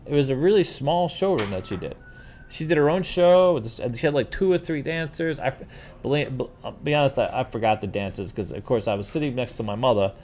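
A middle-aged New York City man hosts a casual livestream, answering viewer questions while rambling through stories and calling everyone "dude." His mid-range voice moves fairly quickly and sounds animated, with slight background noise.

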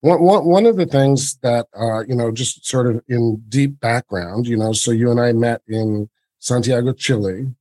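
Mellow-voiced male interviewer. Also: medium pitch, normal speed, no room sound. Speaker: interviewer, host. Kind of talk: casual chat, interview.

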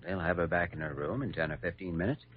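An actor playing a composed, easygoing young doctor with a wry, assured manner in an old radio drama. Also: male voice, low voice, fairly even intonation, fast. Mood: calm, amused. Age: young adult. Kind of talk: 1940s radio drama acting. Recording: dull, noisy vintage radio recording.

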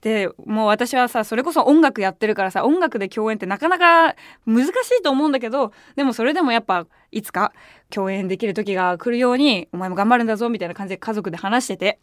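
Fast-talking, animated woman radio host. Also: fairly high pitch, no room sound, studio quality. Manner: animated, excitable storytelling. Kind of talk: casual solo radio chat. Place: radio studio. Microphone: studio microphone.

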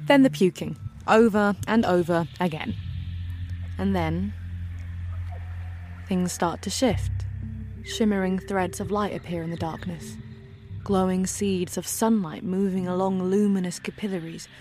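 A woman's voice: fairly low pitch, fairly even intonation, unhurried, pauses often, darkish tone, faint music behind, natural voice. An actress playing a wry female protagonist, telling her story in first-person, present-tense dramatic narration. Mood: wry, absorbed.

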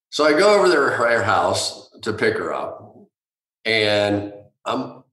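A man telling anecdotes in an interview, animated and acting out what others said. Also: medium pitch, echoey room. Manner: animated, acts out others' lines. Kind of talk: anecdotal storytelling.

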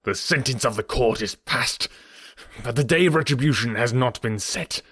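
A man reading aloud as a furious male ruler who shouts commands with his voice trembling in rage. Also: medium pitch, normal speed, slightly rough, dry recording, clean studio sound. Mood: enraged.

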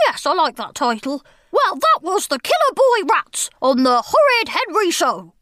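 A woman's voice: very high voice, big pitch swings, moderate pace, pushed and bright, dry recording, clean studio sound, full character voice. A woman voicing a cheeky, bossy, boastful schoolboy who giggles a lot.

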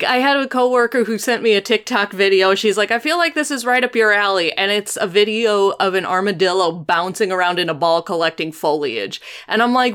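A woman's voice: on the low side, a bit bright. A woman hosting a podcast in a casual, conversational way, telling stories with animation. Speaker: podcast host.

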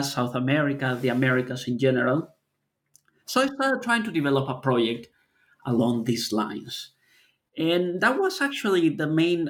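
A man's voice: on the high side, fairly bright tone. Thoughtful man. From Peru. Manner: thoughtful, searching for words. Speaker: author, academic guest. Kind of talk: podcast interview.

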